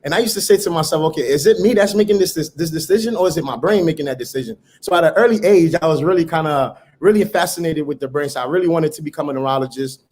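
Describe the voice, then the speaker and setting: Guy, quick and earnest, kinda high voice, founder being interviewed. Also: a little mellow. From Haiti. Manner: earnest, motivational, occasional repeated words. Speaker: startup founder, guest. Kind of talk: conversational interview.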